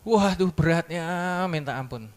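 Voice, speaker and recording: A man giving a sermon testimony in church, telling his story in a lively way and acting out the dialogue. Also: on the high side, measured pace. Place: church service.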